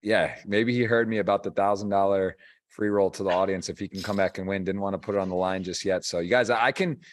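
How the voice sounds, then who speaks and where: A man's voice: sits low, steady tone, fast talker. A man giving conversational live poker tournament commentary as the host of a stream.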